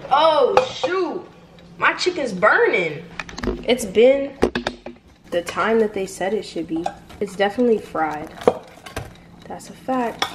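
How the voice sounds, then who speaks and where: A woman's voice: mid-range voice, animated. Young woman, casual cooking vlog, candid chatter, roomy kitchen sound, heavy background noise. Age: young adult. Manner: chatty, swearing, quick laughs. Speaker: vlogger. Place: home kitchen, indoors. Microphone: camera on the counter.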